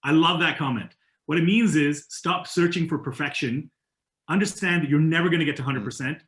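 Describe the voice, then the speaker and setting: Guy on a webinar call, talks fast, lots of restarts, roomy echo. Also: fairly high pitch. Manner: energetic, restarts and "um"s, quick asides. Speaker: webinar guest speaker, book co-author. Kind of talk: casual webinar chat.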